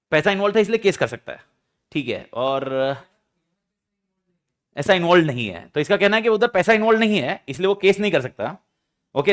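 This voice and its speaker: A young man with a high voice and an Indian accent leads a classroom lecture. He talks lively and animated. He keeps breaking into playful mock exchanges between students and parents to make his points.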